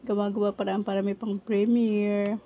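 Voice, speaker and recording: Talking informally to her audience as she cooks and eats, this Filipino woman vlogs about food with the speech of someone lacking upper front teeth. She has a mid-range voice, keeps a level tone at a moderate pace, and sounds like she's on a phone. Roosters crow and chickens add to the background noise of her home recording.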